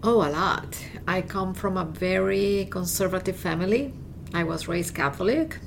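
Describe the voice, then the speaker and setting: Gravelly-voiced Colombian-born woman in her fifties. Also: fairly low pitch, normal speed, slight background noise. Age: 50s. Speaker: guest, real estate agent and artist. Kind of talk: casual interview chat.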